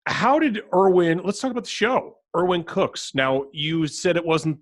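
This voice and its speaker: A man's voice: sits high, moderate pace. A man hosting a podcast interview, casual and joking with his guest. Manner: joking, playful. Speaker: podcast host.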